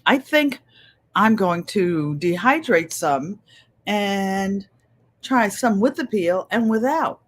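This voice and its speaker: A woman's voice: medium pitch, lively intonation, slow. An older woman hosting a craft livestream, chatting casually and reading viewer comments aloud, with an easy laugh. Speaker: craft channel host on a livestream.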